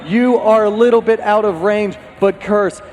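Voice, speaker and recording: A man calling a live esports match with excited, shouted play-by-play, his voice getting worn from a long weekend. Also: sits high, moderate pace, low-quality recording. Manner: excited shouting play-by-play that drops to calmer wrap-up chat. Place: live tournament auditorium. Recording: event music loud behind.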